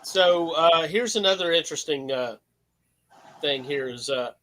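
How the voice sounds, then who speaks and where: A man's voice: fairly high pitch, unhurried, a bit bright, low-quality recording. A man in his fifties hosting a casual sports talk show, rambling, opinionated and full of profanity. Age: 50s. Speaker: host.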